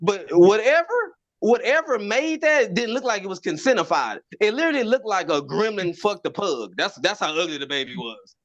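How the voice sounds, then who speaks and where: A man's voice: high voice, normal speed, hardly any pauses, dull audio. Stammering man doing a stand-up set. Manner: stammering repeats, animated storytelling. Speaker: stand-up comedian.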